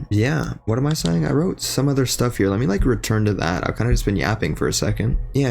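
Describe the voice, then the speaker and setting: Gravelly-voiced young man rambling in his basement. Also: medium pitch, a little mellow. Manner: rambling, self-deprecating, sweary, loses his train of thought. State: slightly strained voice. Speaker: streamer and video creator. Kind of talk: rambling casual monologue. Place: basement room at home.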